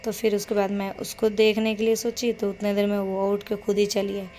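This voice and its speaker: A young woman with a worn, rough voice, chatting casually through her day at home in a rambling vlog. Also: mid-range voice, completely flat delivery, a little fast, warm tone, soft background music. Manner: rambling, chatty storytelling of chores. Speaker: home vlogger. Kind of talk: casual daily-life vlog narration.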